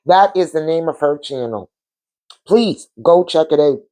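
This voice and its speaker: A woman's voice: deep voice, animated, a little slow, dark tone. A woman hosting her own vlog from her couch at home, talking in a spiritual, heartfelt way and repeating words for emphasis. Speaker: channel host. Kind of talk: casual spiritual vlog chat.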